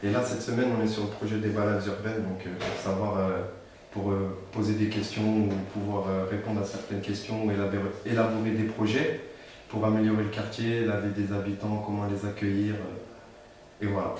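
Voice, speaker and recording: A young man describes his programme in a halting way, repeating words as he goes. His low voice stays flat. He is heard from a distance in an echoey room with steady noise behind. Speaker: youth programme participant. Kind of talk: interview answer.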